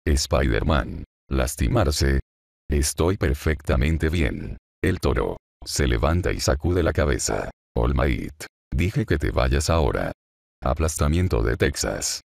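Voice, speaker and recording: A man reading a fan fiction script aloud, speaking every character's name and stage directions in a flat, even delivery. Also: slow, no echo, studio quality. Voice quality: very low, gravelly voice. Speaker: fanfic reader voicing all parts.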